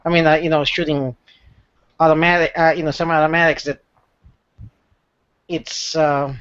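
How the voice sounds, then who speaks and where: A man co-hosting a casual chat, talking haltingly with many restarts and laughs. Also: a little high, flat delivery, a bit bright, clear, resonant tone, lo-fi sound. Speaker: podcast co-host.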